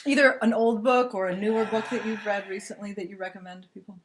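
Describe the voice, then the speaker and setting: A woman's voice: medium pitch, steady tone, fast, slight background noise. A woman hosting an interview podcast, asking questions and murmuring encouragement as her guest talks. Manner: encouraging, frequent murmured backchannels. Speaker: podcast host. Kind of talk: casual interview.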